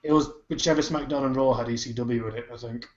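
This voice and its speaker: A man co-hosts a podcast in loose, rambling chat, dropping swear words as he goes. His voice sits at an ordinary pitch. The recording is roomy, echoey and somewhat dull. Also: steady tone, fast talker, a little mellow. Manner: swears freely, rambling with fillers. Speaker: podcast co-host. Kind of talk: casual chat.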